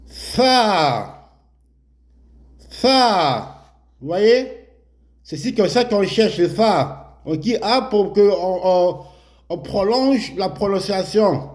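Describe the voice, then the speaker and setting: A man's voice: sits high, slow pace, a little mellow. A man teaching Arabic letters step by step, explaining while he writes and repeating each sound many times. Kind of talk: slow step-by-step lesson.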